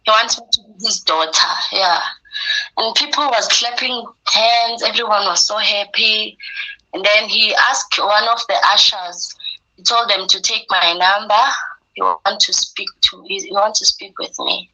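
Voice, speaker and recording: A woman's voice: mid-range voice, fairly even intonation, measured pace, pushed and bright, low-quality recording. A young woman telling a personal story in conversation, acting out the dialogue she quotes as she goes. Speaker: interviewee recounting her experience.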